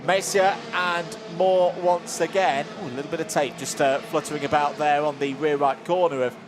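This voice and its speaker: Male motorsport commentator, high-pitched, following live action conversationally over audible trackside engine noise. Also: steady tone, normal speed. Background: outdoor race track ambience with vehicles.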